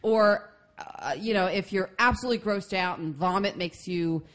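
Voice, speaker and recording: Young woman podcast co-host, laid-back frank talk, slightly hoarse throat. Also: medium pitch, moderate pace. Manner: relaxed, frank, slangy. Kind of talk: casual chat.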